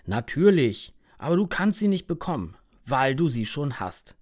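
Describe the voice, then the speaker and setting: A woman voicing a calm, patient man who explains things slowly in a storybook. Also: low-pitched. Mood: explaining. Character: patient older man explaining children's rights.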